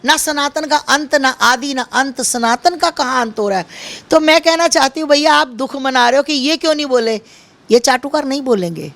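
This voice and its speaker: A woman's voice: high-pitched, creaky. A woman giving an impassioned interview, speaking in a fiery, emphatic way with repeated slogans.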